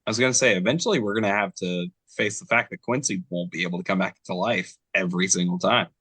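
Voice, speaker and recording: A man's voice: low-pitched, fast, a bit bright, breathy edge, no room sound. A man running a tabletop game as game master, asking the players playful questions.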